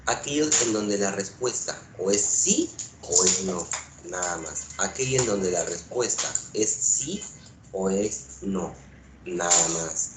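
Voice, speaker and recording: A man's voice: deep voice, lively intonation, slow, background noise. A man teaching a language class, repeating each point and asking rhetorical questions. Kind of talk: lively classroom lecture. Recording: echoey room.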